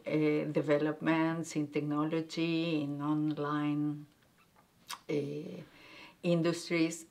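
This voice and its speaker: A middle-aged woman from Argentina with an Argentinian accent, a native Spanish speaker, answering interview questions haltingly and searching for words with many fillers. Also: low-pitched. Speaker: guest, guesthouse owner.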